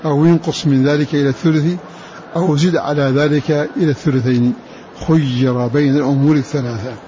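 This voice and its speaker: A man teaching the variant readings of the Quran, explaining slowly, repeating words and chanting verse lines. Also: a little high, steady tone, dark tone, dull audio, a little hiss or hum.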